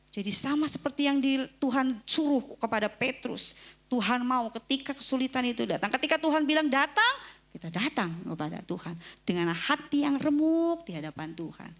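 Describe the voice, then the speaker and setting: A woman preaching a sermon, lively, acting out quotes in a raised voice and dropping to near-whispers on key phrases. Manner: lively, acts out voices of scripture figures with sudden high pitch.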